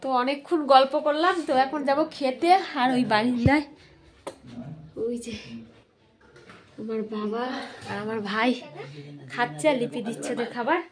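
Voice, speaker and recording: Chatty high-voiced woman vlogging at home. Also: normal speed, long pauses. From West Bengal, India. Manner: chatty, narrates to viewers. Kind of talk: casual home vlog chat. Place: home room with family around.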